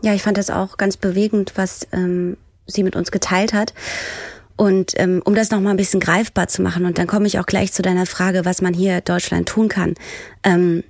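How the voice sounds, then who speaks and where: A woman journalist speaking with heartfelt earnestness, pausing and searching for her words. Her voice is close and dry, with no room around it. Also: lowish voice, level tone, vocal fry, darkish tone, no echo. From Germany. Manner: heartfelt, searching, many fillers. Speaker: journalist and presenter, guest. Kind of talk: earnest discussion.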